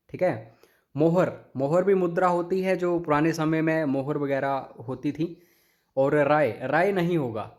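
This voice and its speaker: Man explaining grammar answers, fairly high voice. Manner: explains step by step, addresses viewers as friends. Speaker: teacher. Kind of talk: exam-prep Hindi grammar lesson.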